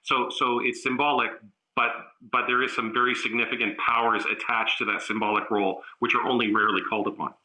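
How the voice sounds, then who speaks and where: A man giving a political analysis in a remote news interview, measured and halting, with frequent fillers and restarts. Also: medium pitch, little pitch movement, sharp tone, rough recording.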